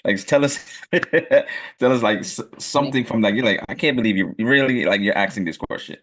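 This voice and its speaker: A man's voice: fairly low pitch, a little fast, a bit bright. A man hosting a casual interview, asking long questions with many filler words. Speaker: host.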